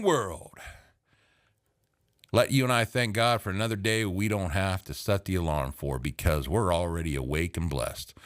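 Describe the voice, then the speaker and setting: A man's voice: lowish voice, fairly bright tone. A middle-aged man hosting a late-night podcast from a home basement studio, rambling and joking casually, laughing at his own corny jokes, sounding tired. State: tired, running on energy drinks. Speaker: podcast host.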